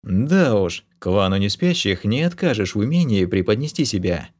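A man narrating a first-person fantasy audiobook with a wry, expressive delivery. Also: on the low side, normal speed.

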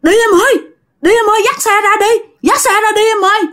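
A woman's voice: sits high, lively intonation, moderate pace, pitched above the performer's own voice. A woman voicing a panicked young husband, urging over and over in a rush. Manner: frantic repeated urging.

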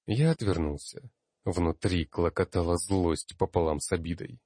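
Man, audiobook narrator, first person, expressive emphatic reading, deep voice. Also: moderate pace, breathy edge, no echo, studio quality.

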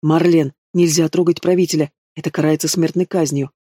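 A man's voice: a little high, steady tone, fairly quick, dark tone, no room sound, close to an everyday voice. Bewildered, blustering father in a fantasy audiobook, a man reading him, dry close recording. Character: flustered middle-aged father, blustering.

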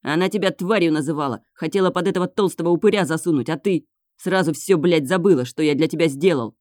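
A woman reading aloud voices an obsessive, menacing young man who snarls, swears and bursts into shouting. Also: low voice, fast talker, no echo, clean studio sound, natural voice. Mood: snarling.

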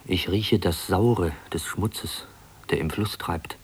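An actor delivering a measured, introspective inner monologue in a German radio play. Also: male voice, low voice, slightly rough, heavily acted. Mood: tense.

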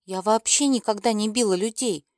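A woman's voice: mid-range voice, moderate pace, a little mellow, no room sound, clean studio sound, natural voice. A woman voicing a defiant young girl who talks with sarcastic cheek, in an audiobook. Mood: mocking.

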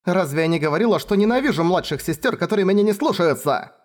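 A protective young girl who insists that everything will be fine, her voice raised high, as a man voices her in a storybook reading. Her pitch rises and falls with lively emphasis. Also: brisk, slightly rough. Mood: angry. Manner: earnest, insistent reassurance. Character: middle sister, young girl, stubborn and protective.

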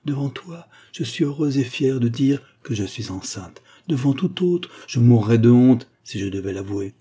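A man's voice: medium pitch, expressive, moderate pace, warm tone, breathy edge. A man reading the lines of a passionate young woman in love, in an ardent, pleading way. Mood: earnest.

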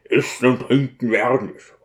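A man's voice: medium pitch, fairly even intonation, moderate pace, close to an everyday voice. A man voicing a grieving, stubborn deacon who grumbles in a sulky, weary way. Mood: brooding.

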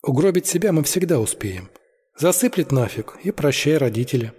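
A man voicing a stern, cautious young leader who gives firm orders, in a husky voice. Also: fairly high pitch, animated, moderate pace, dark tone, long reverb tail. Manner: firm, commanding.

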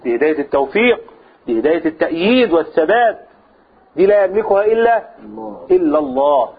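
A man's voice: fairly high pitch, lively intonation, fast, breathy edge. A man with an Egyptian Arabic accent, teaching a Quran commentary lesson. He explains by asking his own questions and answering them. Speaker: religious teacher. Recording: tinny phone-like sound.

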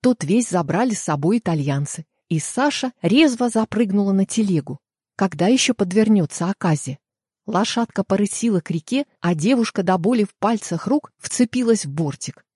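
Husky woman narrating an audiobook. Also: mid-range voice, normal speed, dry recording, clean studio sound. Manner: steady storytelling. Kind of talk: scripted narration.

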